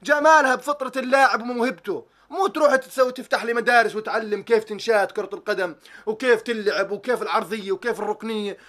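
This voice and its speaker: A young man vlogs an excited reaction rant about football, speaking quickly in a high, slightly bright voice. He's animated, swearing oaths and mocking tactics talk.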